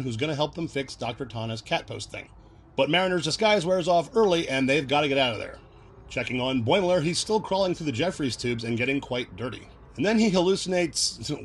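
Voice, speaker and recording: A man's voice: mid-range voice, slight background noise. Chatty man explaining references. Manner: chatty, laughs while explaining. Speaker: video host. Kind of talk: casual recap commentary.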